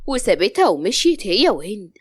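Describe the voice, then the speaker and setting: A woman with an Upper Egyptian accent narrating a dramatized story in a brisk, matter-of-fact way. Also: medium pitch, big pitch swings, slightly rough.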